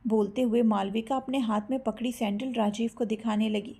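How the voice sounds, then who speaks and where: A woman narrating a romantic audio story in a steady storytelling manner. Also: fairly high pitch, normal speed, breathy edge.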